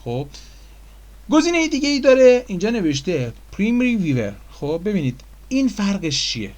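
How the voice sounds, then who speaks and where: A man casually explaining software menus in a screen-recorded tutorial, chatty and full of fillers. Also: sits high, big pitch swings. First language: Persian.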